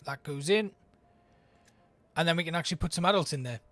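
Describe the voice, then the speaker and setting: Male game streamer, thinks out loud, chatty, somewhat high pitch. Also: fairly quick, dry recording, faint music behind. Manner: chatty, thinking aloud while playing. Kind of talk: let's play commentary.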